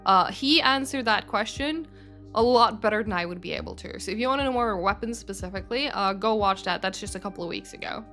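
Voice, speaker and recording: Pushed and bright, this young woman's mid-range voice comes fairly quickly, with soft music in the background. On a casual livestream, the Swedish game studio community manager reads viewer questions and replies in a wandering style, full of fillers and self-corrections.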